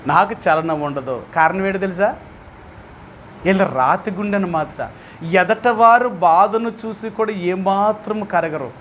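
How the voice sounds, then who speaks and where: A man's voice: high-pitched, a bit bright, slight background noise. A man with a Telugu accent leading a Bible study as pastor, who keeps putting questions to his listeners and speaks with emphasis.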